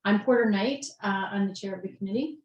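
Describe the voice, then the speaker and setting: A woman in her fifties chairing a town committee meeting, friendly and quick to laugh. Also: mid-range voice, a little mellow, lo-fi sound. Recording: echoey meeting room.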